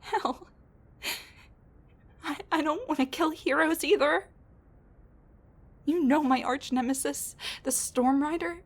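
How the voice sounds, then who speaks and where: Pitched high and pausing often, a woman plays a wounded supervillain in a roleplay audio drama, sassy and rambling yet soft underneath. She speaks slowly and close to the listener, venting her distress through sighs and breathy asides.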